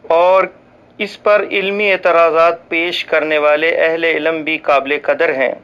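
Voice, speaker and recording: Smooth-voiced man reading a religious ruling. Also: fairly high pitch, level tone, muffled recording. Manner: formal and measured, with occasional slips and restarts; recites Arabic scripture passages. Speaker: voice-over reader for a religious channel.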